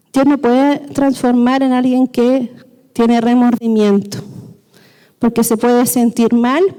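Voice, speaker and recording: A woman's voice: fairly high pitch, warm tone. A woman preacher, giving a sermon and explaining step by step, often checking in with the congregation. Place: church hall. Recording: long hall reverb.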